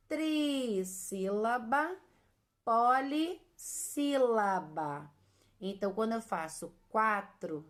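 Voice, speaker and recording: Woman teacher for a kids' lesson: unhurried, breaks words into slow syllables, keeps checking the kids are with her. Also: a little high. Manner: affectionate diminutives, checks in often. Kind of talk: children's lesson.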